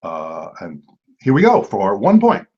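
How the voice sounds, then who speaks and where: A man's voice: on the low side, wildly swooping pitch, measured pace, mellow, slightly rough. A man hosting an online trivia game as quizmaster, playful, with jokey asides. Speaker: trivia quiz host. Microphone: video call. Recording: dull lo-fi video call audio.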